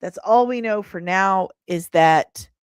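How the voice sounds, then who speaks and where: Taking her time, a woman speaks at medium pitch with a clean tone, recorded in a clean studio with no room sound. She hosts a casual entertainment news livestream, teasing playfully and repeating phrases for emphasis.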